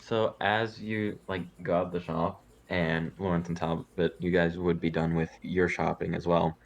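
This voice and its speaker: A man narrating as game master in a casual, halting way with fillers. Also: low-pitched, level tone, creaky, lo-fi sound.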